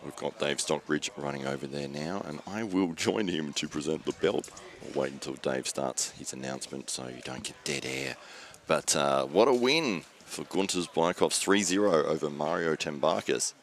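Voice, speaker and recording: A man's voice: extremely low pitch, expressive, moderate pace, creaky, hardly any pauses. A man hosting a live sports stream and calling the action as a commentator. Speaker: stream host and play-by-play commentator.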